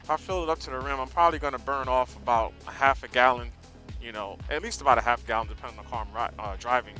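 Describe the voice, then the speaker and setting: An American motorcycle vlogger talks from inside his helmet while riding, rambling casually and correcting himself in an easygoing way. His mid-range voice comes out fast, pushed and bright, with faint music in the background.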